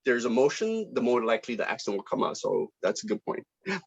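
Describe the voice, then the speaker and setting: This student film director leads a table read in a relaxed online production meeting, sounding informal and appreciative but hesitant. His medium-pitched voice is sing-song with vocal fry, and he talks fast. Audio comes through a dull, lo-fi online call.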